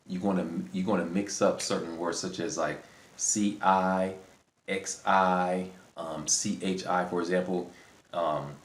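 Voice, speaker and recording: Low-voiced man giving casual advice, echoey room. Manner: rambling, repeats and rephrases himself. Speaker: language-learning video host. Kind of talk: casual unscripted advice to viewers. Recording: roomy echo, faint background noise.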